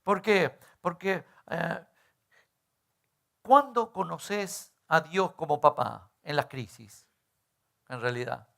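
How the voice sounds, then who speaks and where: A man's voice: fairly high pitch, takes it slowly, creaky, pauses often, fairly bright tone. A middle-aged male pastor, preaching in a conversational way and often tagging on rhetorical questions. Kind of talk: sermon.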